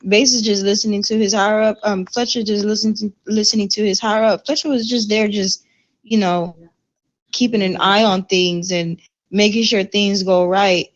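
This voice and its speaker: A woman's voice: medium pitch, steady tone, normal speed, dull audio. A woman in roleplay voice chat, heatedly retelling an argument with plenty of profanity.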